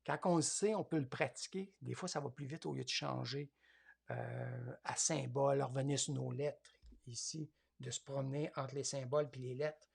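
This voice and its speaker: Hesitant, gravelly man with a Quebec accent. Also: mid-range voice, fairly even intonation, moderate pace. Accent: Quebec French. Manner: hesitant, thinking aloud, many fillers. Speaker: tablet course instructor. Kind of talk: live class demonstration.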